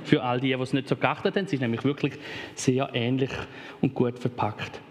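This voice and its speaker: A man's voice: mid-range voice, steady tone, fairly quick, slight background noise. A middle-aged man preaching informally to a congregation. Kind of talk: sermon. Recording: reverberant church hall.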